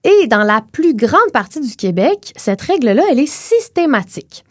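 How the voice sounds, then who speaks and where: A young woman with a Québécois accent explains phonetics on a podcast, slowing down whenever she demonstrates a sound. Her voice sits a little high and moves a lot. The recording is close and dry. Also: very animated, no echo. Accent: Québécois French. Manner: clear teacherly delivery, slows to model sounds.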